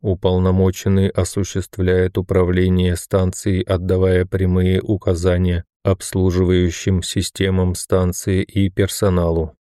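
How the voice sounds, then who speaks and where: A man voicing an emotionless station computer that speaks in a mechanical, metallic, lifeless monotone. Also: low voice, unhurried, hardly any pauses, clear, resonant tone, no room sound, clean studio sound, voice pushed down. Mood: impassive. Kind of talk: audiobook narration.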